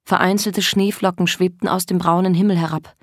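A woman narrating a novel in a calm, measured storytelling voice. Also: lowish voice, no room sound, clean studio sound. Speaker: audiobook narrator. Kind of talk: scripted narration.

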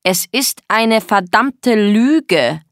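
A woman reading a controlling, volatile young man in an audiobook. He drags out his words with slow menace and can erupt into shouting. The sound is dry and close. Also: low voice, little pitch movement, no room sound. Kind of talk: audiobook dialogue.

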